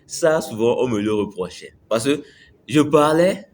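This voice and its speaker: With a mid-range, darkish voice and lively intonation, this man takes his time as he gives a casual motivational talk to camera. He's a self-improvement video host who speaks conversationally, repeats his points, and checks in with "tu me suis".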